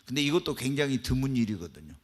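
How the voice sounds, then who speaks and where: A male pastor preaching a sermon, asking the congregation questions and swinging between hushed and loud. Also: mid-range voice, sing-song, quick pace. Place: church.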